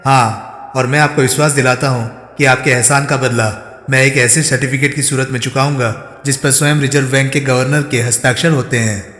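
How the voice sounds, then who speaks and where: A man reading the part of a bold, steady-voiced reporter in an audiobook. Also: medium pitch, fairly quick, lightly acted. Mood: confident. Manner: steady, confident. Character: bold, smooth-talking male reporter. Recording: roomy echo, long reverb.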